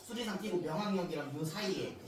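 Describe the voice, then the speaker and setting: A man's voice: high-pitched, fast, echoey room. A male student chatting playfully with his teacher in class. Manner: playful, answers the teacher informally. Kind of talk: casual classroom chat. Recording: distant classroom sound with other students.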